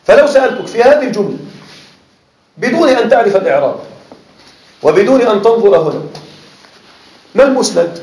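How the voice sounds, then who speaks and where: A man's voice: high voice, expressive, brisk, pauses often, darkish tone. A man teaching a class in a lecture style, often stopping to ask whether his students are following. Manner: keeps checking that students follow. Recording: echoey classroom.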